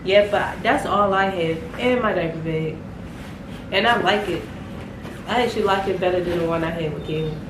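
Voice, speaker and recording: A young woman vlogging casually to her viewers, relaxed and chatty and short of breath. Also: lowish voice, normal speed. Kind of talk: casual chat to camera. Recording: echoey room, voice a bit far from mic, clear background noise.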